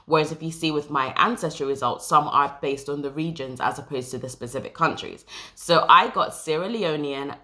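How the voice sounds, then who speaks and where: Low bright-voiced woman vlogging. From Jamaica. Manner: chatty, reads from notes, explains step by step. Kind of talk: casual talk to camera.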